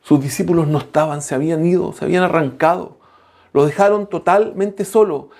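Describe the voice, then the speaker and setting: A male preacher, delivering an impassioned sermon that swings from loud cries to hushed lines and calls the listeners brothers. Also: brisk. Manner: impassioned, shifting between loud outbursts and low hushed lines; addresses the congregation as brothers.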